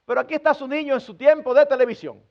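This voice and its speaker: A man's voice: very high voice, fairly even intonation, fast, muffled recording. A man, a pastor, preaching an earnest sermon to his congregation and acting out everyday family scenes with humor. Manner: earnest, acts out parents scolding children with humor.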